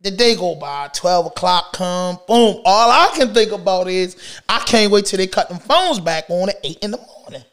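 A middle-aged man recounts his own past in a loose, slangy storytime. His voice sits high for a man and stays animated, with sudden loud bursts that drop back into low mutters. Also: moderate pace. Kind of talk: casual storytime.

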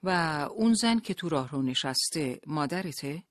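A narrator voicing a male police interrogator who questions with polite, feigned calm in an audiobook. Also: mid-range voice, dry recording, studio quality, natural voice. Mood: cool pressing.

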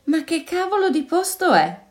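A woman voicing an excitable young boy. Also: fairly low pitch, moderate pace, lightly acted. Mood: excited.

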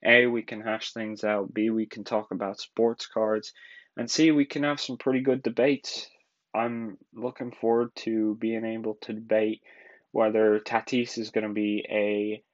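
Irish guy in his twenties, lowish voice, rambling casual podcast host, muffled lo-fi home recording. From Ireland. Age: 20s. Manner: rambling, casual, laughs often. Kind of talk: solo podcast monologue.

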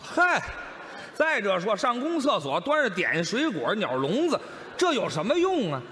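A man with a Beijing accent playing the supporting role in crosstalk comedy, chiming in quickly and protesting in exasperation. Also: sits high, wildly swooping pitch, pushed and bright. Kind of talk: comic crosstalk backing.

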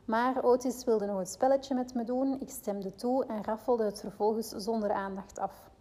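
Flemish mom reading a parenting book out loud, mellow voice, drifts into rambly side comments with lots of ehms. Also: female voice, fairly high pitch, fairly even intonation, moderate pace. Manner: reads steadily, then rambles with fillers in her own asides. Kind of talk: book reading with personal asides.

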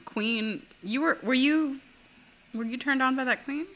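A woman's voice: high-pitched, measured pace, fairly bright tone. A young woman co-hosting a casual podcast chat, talking in a chatty way with many fillers and frequent laughs. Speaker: podcast co-host.

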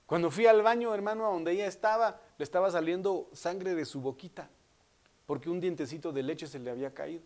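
Fervent Guatemalan preacher, high-pitched man. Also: a little fast. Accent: Guatemalan Spanish. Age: young adult. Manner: swings between loud fervent outbursts and soft intimate pleading. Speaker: pastor. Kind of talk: preaching sermon.

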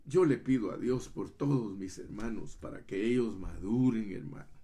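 A man's voice: lowish voice, expressive, normal speed, vocal fry. Fervent preacher man. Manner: fervent preaching, often addressing listeners as brother; swings between loud emphatic runs and soft hushed asides. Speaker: pastor. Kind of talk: sermon.

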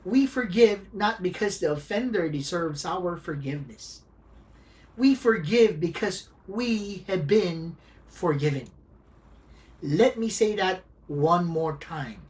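A woman pastor delivering a sermon, speaking deliberately and repeating key phrases for emphasis. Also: fairly low pitch, animated, darkish tone.

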